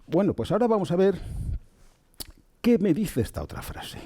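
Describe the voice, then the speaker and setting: Calm male lecturer, very mellow tone, lively melodic delivery. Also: high voice. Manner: slow and gentle, checks in with listeners. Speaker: spiritual teacher. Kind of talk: calm spoken lecture on Kabbalah.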